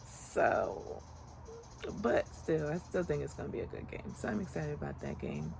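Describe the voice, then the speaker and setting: Outdoors in the country on a sunny morning, a vlogger in her late twenties chats in a low voice at a moderate pace. She's relaxed and reflective, rambling with lots of "like," while background noise and clear outdoor ambience sit behind her.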